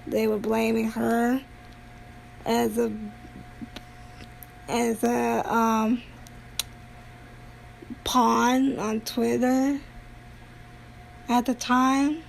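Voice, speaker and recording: A woman streamer chatting casually on a livestream in a halting way, often pausing mid-sentence. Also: a little high, little pitch movement, creaky, a little hiss or hum, poor audio. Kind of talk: casual rambling livestream talk.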